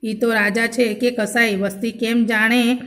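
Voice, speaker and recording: A woman doing a blunt male farmer, scolding, rustic, flat tone. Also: fairly high pitch, a little slow. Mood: grumbling. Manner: scolding, plain-spoken rustic speech. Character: blunt, outspoken adult male village farmer.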